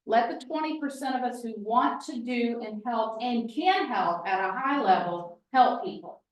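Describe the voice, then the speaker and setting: A woman with a fairly high voice leads a training session in a meeting room. She talks in a folksy, emphatic way and keeps slipping in chatty asides. She stands back from the mic, and the room rings around her words. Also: expressive, moderate pace, recorded from a distance. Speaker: real estate trainer. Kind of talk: lively training talk to a room. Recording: roomy, from off the mic.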